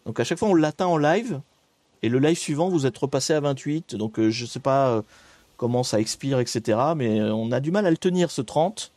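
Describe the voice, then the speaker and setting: A man's voice: mid-range voice, expressive, brisk, darkish tone, no echo. A man hosting a casual live stream, chatting to viewers with frequent hesitations and restarts.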